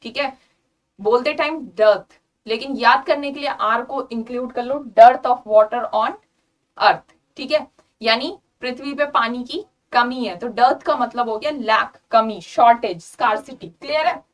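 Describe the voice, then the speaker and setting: High-voiced Indian woman teaching vocabulary. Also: fairly bright tone, recorded from a distance, poor audio. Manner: repeats words slowly and checks understanding with "clear?"; mixes English words and sentences into Hindi explanation. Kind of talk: online exam-prep lesson.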